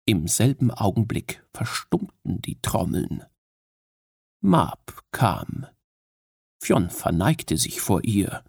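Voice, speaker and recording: A man narrating a fantasy story in a measured storytelling manner, raising his voice for the characters' lines. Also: fairly low pitch, very animated, creaky, darkish tone, slightly rough, no echo, clean studio sound. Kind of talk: scripted audiobook narration.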